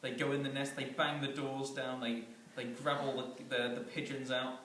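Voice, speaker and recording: A man rambles through a comic story, chuckling at his own jokes. His voice is set well back from the mic in a very echoey room, with noise clearly audible behind him. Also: mid-range voice, little pitch movement, moderate pace, a bit bright, distant mic. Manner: rambling, chuckling, with many fillers and restarts.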